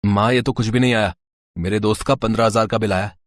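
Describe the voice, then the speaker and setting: A man voicing a relaxed adult son in a cartoon, speaking in a reassuring, casual way. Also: on the low side, fast, close to an everyday voice.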